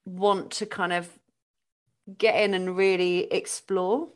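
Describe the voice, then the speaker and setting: A woman's voice: lowish voice, flat delivery, slow. A woman hosting a casual, conversational interview, sharing her own thoughts as well as asking questions. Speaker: interviewer, fellow doula.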